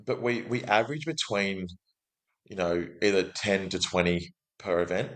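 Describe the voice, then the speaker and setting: A man's voice: deep voice, moderate pace, a bit bright, rough recording. An outgoing Australian man talking casually as a guest in an interview, with lots of restarts. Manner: chatty, outgoing, frequent restarts and acted quotes. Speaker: guest, business development manager.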